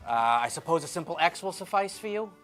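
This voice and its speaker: An actor playing a sly, smooth-talking salesman and swindler with folksy, wordy, persuasive patter. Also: on the high side, expressive, fairly quick, fairly bright tone. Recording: film soundtrack with faint music.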